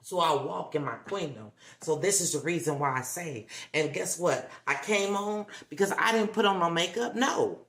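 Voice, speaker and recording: A woman's voice: on the low side, animated, moderate pace, few pauses, a bit bright. A woman hosting a motivational livestream who talks emphatically, repeats herself for effect and keeps checking in with the audience. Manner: emphatic, repetitive, coaxing with tag questions. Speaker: livestream host. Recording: roomy echo.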